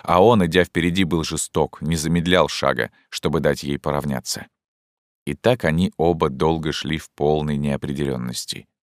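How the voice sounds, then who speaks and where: A man reading literary prose aloud as an audiobook narrator, in a measured, even delivery. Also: extremely low pitch, no room sound, studio quality.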